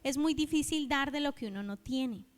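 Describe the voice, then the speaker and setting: A woman's voice: high-pitched, moderate pace. A woman preacher giving a sermon, telling a parable and acting out its dialogue, and calling on the congregation to repeat after her. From Colombia. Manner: storytelling, acts out the dialogue of the parable. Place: church hall. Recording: hall reverb in a church.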